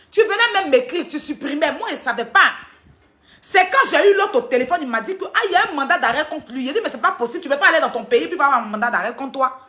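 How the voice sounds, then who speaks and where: A woman rants on a livestream, defending herself against critics. Her voice is high and bright, and her pitch swings widely as she retells the quarrel. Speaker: social media personality. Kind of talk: livestream rant addressing critics.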